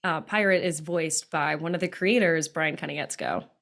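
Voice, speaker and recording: A woman co-hosting a podcast, chiming in with quick enthusiastic remarks and fun facts in casual chat. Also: deep voice, gravelly, a bit bright. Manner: quick enthusiastic interjections, sharing trivia. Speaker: podcast co-host. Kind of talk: casual chat recapping a cartoon episode.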